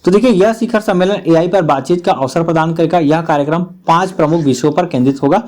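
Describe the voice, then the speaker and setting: A man's voice: on the high side, fast, a little mellow. A man teaching a current affairs lesson for exam students, talking straight to the viewer and leaning on repeated filler phrases. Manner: repetitive filler phrases, addresses the viewer directly.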